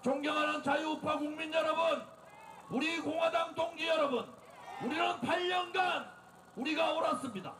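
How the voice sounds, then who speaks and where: A man delivering an impassioned, declamatory political rally speech as the leader, exhorting listeners and shouting slogans. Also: very high voice, normal speed. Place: outdoor street rally in front of a building. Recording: outdoor PA, echoing, distant, noisy crowd.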